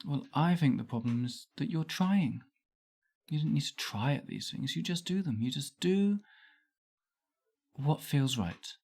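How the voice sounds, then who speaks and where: A woman's voice: sits low, expressive, unhurried, darkish tone, husky, heavily acted. A woman voicing a bold, flirtatious madame with a put-on French accent, coaxing and teasing. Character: flirtatious worldly female brothel madame.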